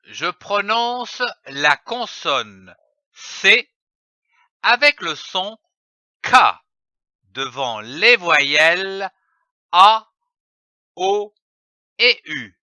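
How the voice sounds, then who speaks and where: A man giving a scripted reading lesson for young children, slowly spelling out letters and syllables. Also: high voice, very animated, sharp tone, no room sound. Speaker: reading teacher.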